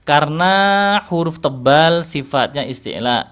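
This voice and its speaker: A man's voice: fairly high pitch, measured pace, fairly bright tone. Man, Indonesian accent, Quran recitation teacher, online class, patient, corrective, asks questions. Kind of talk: interactive online recitation lesson.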